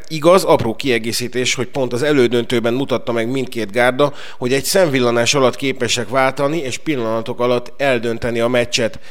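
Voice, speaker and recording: Male sports correspondent, medium pitch, delivering a scripted radio report on football.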